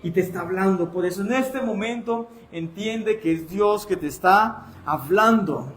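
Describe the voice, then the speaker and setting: A man preaching a sermon as pastor in a church, speaking in a lively way and acting out his congregants' voices. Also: high-pitched, unhurried, reverberant, a little hiss or hum.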